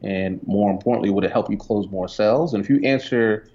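In a dull, lo-fi recording, a Jamaican entrepreneur and photographer talks casually as an interview guest, using lots of fillers in a relaxed, conversational way. His voice is lowish and his pace a little fast.

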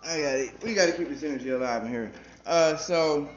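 A man's voice: a little high, fairly quick, soft background music. A man with a Southern US accent co-hosting a podcast in casual chat. He talks loose and playful, repeats his words and uses slang. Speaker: podcast co-host. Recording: roomy, slightly dull podcast audio.

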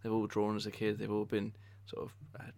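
A man's voice: lowish voice, completely flat delivery, fairly quick, creaky, a little mellow. A man hosting a podcast in a casual, jokey, rambling and hesitant way. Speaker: podcast host. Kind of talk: casual chat interview.

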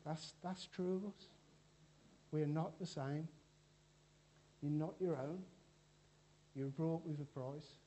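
A man delivers a loose, conversational sermon, joking with the congregation and stumbling through restarts. His voice sits a little high for a man but sounds mellow and warm. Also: fairly even intonation, takes it slowly, long pauses, slight background noise. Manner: chatty and joking, with frequent restarts. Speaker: preacher. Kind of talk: informal church sermon.

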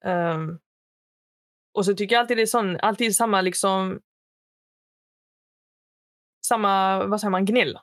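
Speaking in a mid-range, fairly bright voice with a steady tone and frequent pauses, a young woman co-hosting a podcast animatedly tells a story, performing quotes in a raised voice and mixing in English phrases. The talk is casual chat and storytelling. The recording is dry, with clean studio sound.

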